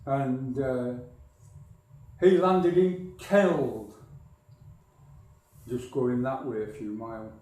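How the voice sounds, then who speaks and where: Heard distantly in an echoey hall, this older northern English man tells a society wry, rambling local history anecdotes. He has a medium-pitched, mellow voice, draws out his words, and pauses often.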